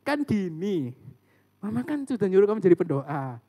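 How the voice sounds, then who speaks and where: High-voiced young man preaching casually. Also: normal speed. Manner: animated, joking with the audience, mimics family voices. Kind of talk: casual sermon storytelling. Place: church service room.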